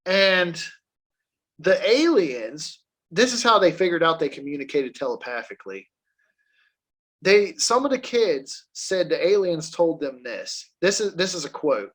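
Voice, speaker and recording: A man's voice: on the high side, fairly bright tone. A man co-hosting a casual podcast, telling a story with swearing and laughter. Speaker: podcast co-host.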